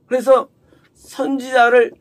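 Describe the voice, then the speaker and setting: A man's voice: very high voice, completely flat delivery, slow pace. A man preaching a sermon, explaining a Bible passage verse by verse, often asking rhetorical questions and answering them himself. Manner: acts out the quoted woman in a raised, sharp voice.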